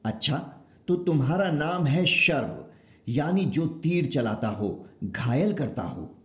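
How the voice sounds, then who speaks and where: A weary old creator god, as a male storyteller voices him, pleading and exasperated, his lines sliding up and down with feeling. He speaks unhurriedly and a little lower than the narration. The room gives the voice a noticeable echo. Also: expressive, slow, a bit bright.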